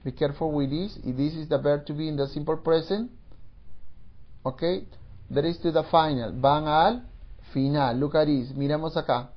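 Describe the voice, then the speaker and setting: A man's voice: on the high side, highs cut off. Spanish-speaking man teaching English grammar. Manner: explains slowly, repeats phrases, mixes in English. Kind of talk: classroom grammar lesson.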